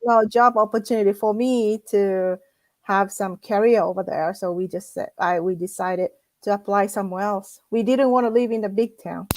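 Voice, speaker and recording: A woman hosting a casual interview, talking in a halting, chatty way with many restarts. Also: mid-range voice, steady tone, darkish tone, no room sound. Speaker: host.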